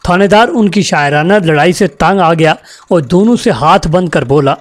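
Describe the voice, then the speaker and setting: A man's voice: high voice, expressive, moderate pace. A man from Pakistan, reading out jokes with a chuckling delivery. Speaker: joke teller.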